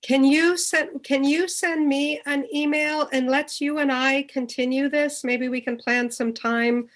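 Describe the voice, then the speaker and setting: A woman's voice: high voice, fairly even intonation, unhurried. A woman chatting casually as a participant on a video call. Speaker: participant in an online gathering.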